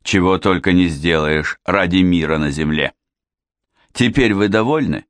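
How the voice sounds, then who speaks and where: A man's voice: deep voice, unhurried, no room sound. A man doing a dry, ironic police inspector. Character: weary, dry-witted male police inspector.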